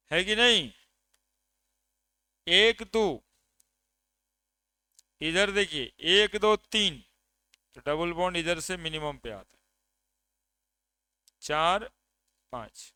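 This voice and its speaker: A man's voice: a little high, animated, drawn-out words, long pauses, sharp tone, smooth, no echo. A man from India teaching a chemistry class, counting atoms aloud and checking with his students. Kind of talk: classroom lecture.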